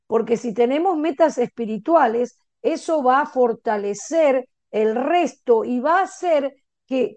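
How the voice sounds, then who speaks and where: A woman's voice: fairly high pitch, warm tone, no room sound, highs cut off. A woman pastor with an Argentine Spanish accent, preaching earnestly and encouraging her listeners. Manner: earnest and encouraging, laughs between stories. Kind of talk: sermon with personal anecdotes.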